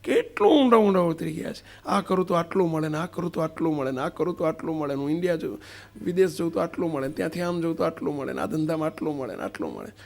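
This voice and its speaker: Gravelly man preaching a sermon. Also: fairly high pitch, animated, fast talker. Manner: questioning, emphatic, acts out a street seller's cries. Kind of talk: devotional sermon.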